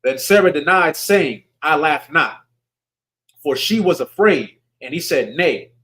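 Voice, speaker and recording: A slightly high, somewhat bright voice with lively intonation moves at a measured pace through a sermon, captured on a rough recording. The man, a teacher at a religious service, reads scripture and asks listeners questions in casual speech with words like "y'all."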